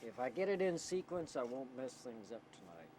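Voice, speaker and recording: Interviewed on a noisy 1990 documentary tape with vehicle or generator rumble, the man who runs a community radio station is very animated. Even so, he explains things informally in a halting way, weighing each word carefully.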